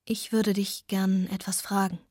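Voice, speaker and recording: A woman reading the lines of a composed grown woman who speaks quietly and gently. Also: mid-range voice, flat delivery, no echo, clean studio sound, lightly acted. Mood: hesitant. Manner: quiet, soft and slow.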